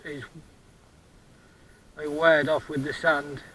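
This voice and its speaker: A man's voice: fairly high pitch, level tone, takes it slowly, sharp tone, slight background noise, poor audio. A man outdoors on a beach, chatting casually about his metal detecting finds in a musing, hesitant way, often repeating words.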